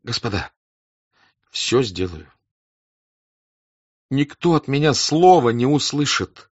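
A man's voice: low-pitched, lively intonation, takes it slowly, sharp tone, husky, no echo, full character voice. A man voicing a flustered, proud young count who pleads and stammers on the verge of tears, on a dull, dry lo-fi recording. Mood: insistent.

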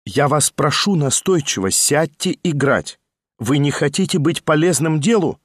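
A man's voice: on the high side, animated, a little slow, dry recording, studio quality. A man voicing an insistent, commanding woman hostess in an audiobook reading. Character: bossy fussy woman hostess, conspiratorial.

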